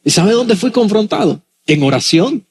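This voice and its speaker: A pastor preaching to his congregation, his voice pitched high for a man and a little husky. He slows down for dramatic pauses and acts out the people he quotes. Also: sing-song, darkish tone. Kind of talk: sermon.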